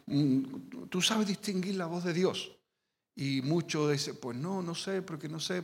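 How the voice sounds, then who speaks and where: A man's voice: fairly high pitch, creaky, a bit bright. A man from giving an informal Bible teaching, conversational, with many restarts and tag questions. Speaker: preacher. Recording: long hall reverb.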